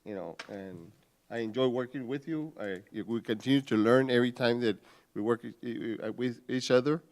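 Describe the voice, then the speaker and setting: A man making informal impromptu remarks as a city official, halting and repeating himself as he goes. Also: medium pitch, a little mellow.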